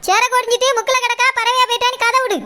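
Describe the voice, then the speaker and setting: Cartoon daughter, middle-aged, blunt and scolding, rapid and very high. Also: flat delivery, pushed and bright. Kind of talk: cartoon voice acting.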